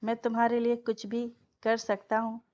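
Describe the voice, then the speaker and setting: A woman's voice: on the high side, monotone, moderate pace, darkish tone, close to an everyday voice. A woman reading a smug, teasing young man. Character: cocky teasing young man, playful rival-husband. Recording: dull lo-fi dry recording.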